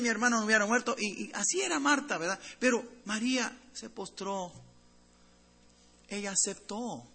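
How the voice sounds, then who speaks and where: A man preaching to his congregation in a high, bright voice with a husky, breathy edge. His delivery swings between forceful, emphatic declarations and soft, near-whispered passages. He speaks to the listeners directly and calls them brothers. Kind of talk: sermon.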